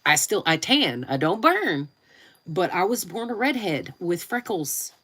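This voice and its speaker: Low-voiced, nasal woman chatting casually. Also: sing-song, measured pace, a bit bright, slightly rough. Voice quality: nasal, congested. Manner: informal, chatty, rambling. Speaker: live streamer and YouTube creator. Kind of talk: casual live stream chat.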